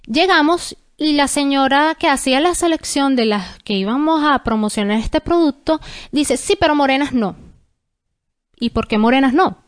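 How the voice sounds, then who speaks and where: High-voiced woman, earnest podcast co-host. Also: lively intonation, moderate pace. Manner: earnest, explanatory. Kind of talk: casual podcast chat.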